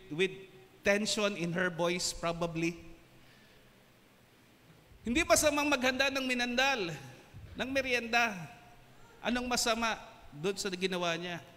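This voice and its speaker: Male pastor, high bright voice, playful sermon with crowd prompts, long church-hall echo. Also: takes it slowly, long pauses. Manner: animated, joking, prompts the congregation with "hello?". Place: church sanctuary.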